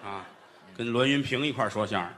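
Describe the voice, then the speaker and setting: A man performing stage crosstalk comedy as the lead storyteller, telling tales in a deadpan, teasing way. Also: on the low side, fast.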